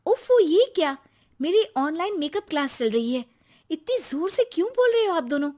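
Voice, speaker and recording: A woman's voice: high-pitched, expressive, slow pace, a bit bright, exaggerated voice. A woman voicing a chatty, bragging young daughter-in-law in a cartoon story. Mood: cheerful.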